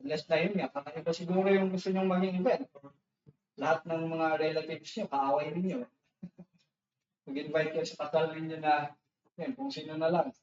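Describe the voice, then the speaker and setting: Preacher in an echoey church hall, off-mic. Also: male voice, on the high side, fairly even intonation, normal speed, a little mellow, far from the mic, dull audio, slight background noise. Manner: conversational, mixes Tagalog and English, frequent restarts and tag questions. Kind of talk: sermon.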